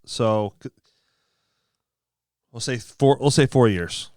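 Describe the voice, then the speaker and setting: Easygoing male podcast co-host in his forties, smooth lowish voice, dry sound. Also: slow, a little mellow, no room sound. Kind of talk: casual chat.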